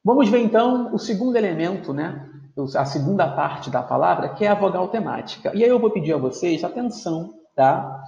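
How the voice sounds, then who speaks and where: A man's voice: sits high, animated, brisk, vocal fry, darkish tone. A man teaching a video lesson, explaining step by step and often checking in with his students. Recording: roomy, dull lo-fi sound.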